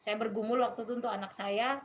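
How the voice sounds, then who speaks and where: A woman's voice: on the high side, steady tone, fast talker, a little hiss or hum. A woman in a conversational interview, earnestly telling her personal faith testimony and often quoting what others said to her.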